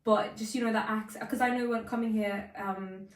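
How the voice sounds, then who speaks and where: A woman in her twenties hosting a casual interview, chatty and animated, with a British accent carrying Indian touches. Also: medium pitch, fairly quick. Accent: British English with Indian touches. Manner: chatty, animated, many fillers. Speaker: podcast host. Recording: roomy sound, mic at a distance.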